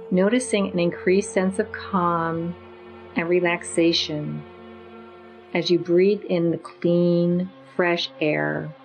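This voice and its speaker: Woman, meditation guide, very slow and gentle, lowish voice, faint music under. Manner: slow, soothing, gentle instructions.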